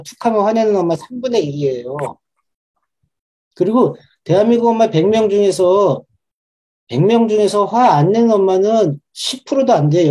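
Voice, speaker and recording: A man speaking as a parenting expert to a live audience of mothers, explaining in a lively way and acting out inner voices. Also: high voice. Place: talk event with live audience.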